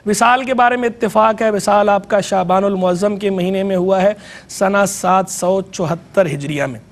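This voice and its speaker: A man with a Pakistani Urdu accent, a religious scholar giving an educational lecture on a TV program, measured and explanatory, repeating key terms to stress them. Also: high-pitched.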